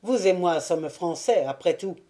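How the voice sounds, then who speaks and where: A woman reading the lines of a stern, measured male naval officer in a storybook. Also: on the low side, animated, dark tone. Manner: measured, severe.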